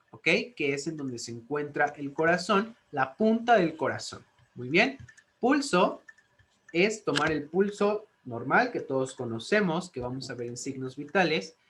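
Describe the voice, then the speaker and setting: A man teaching a nursing class over slides, explaining step by step, repeating key points and often checking understanding with a quick "ok?". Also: a little high, fairly bright tone, a little hiss or hum. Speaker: nursing instructor. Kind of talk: recorded slide lecture.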